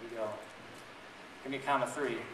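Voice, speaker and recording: At a school event, a children's book reader and blogger entertains a group of families, reading with playful theatrics and frequently asking them questions. His mid-range voice runs a little fast with fairly even intonation. Recorded with a distant mic, the large indoor room sounds echoey and noisy.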